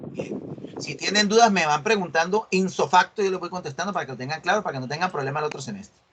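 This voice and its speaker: Lively lecturer, talkative man. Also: fairly high pitch, fast talker, noisy background. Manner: explains by acting out student dialogues, checks understanding often. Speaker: university lecturer. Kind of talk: online class lecture. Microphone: video call.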